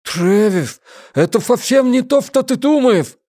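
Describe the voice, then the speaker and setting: A man's voice: medium pitch, normal speed, mellow, no room sound, clean studio sound, close to an everyday voice. A man voicing a timid giant in an audiobook, with slurred, mangled speech. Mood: pleading. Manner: slurred, mangled words, pleading.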